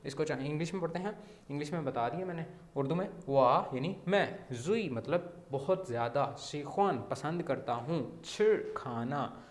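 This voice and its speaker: A man with a Pakistani Urdu accent teaching Mandarin, slowly repeating sounds and often checking with "theek hai". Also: on the high side, echoey room. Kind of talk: language lesson explaining words.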